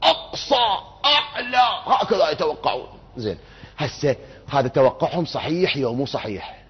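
A man's voice: mid-range voice, animated, brisk, husky. A man giving an interactive religious lecture, putting questions to his audience and answering them himself. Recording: muffled lo-fi recording.

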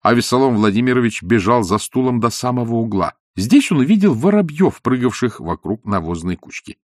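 A man narrating an audiobook in an expressive storytelling manner. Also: mid-range voice, brisk, dry recording, clean studio sound.

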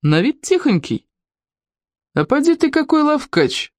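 A reader voicing a big, good-natured male police officer with a booming bass voice in a storybook reading. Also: sing-song, brisk, a little mellow, no echo, clean studio sound. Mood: gruff. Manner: gruff, then chuckling and easygoing.

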